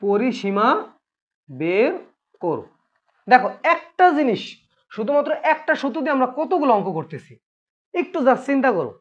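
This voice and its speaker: A man's voice: very high-pitched, sing-song, quick pace, husky. Man, math teacher, patient, repeats questions, classroom, muffled lo-fi sound. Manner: patient, asks students questions and repeats points. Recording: dull lo-fi recording.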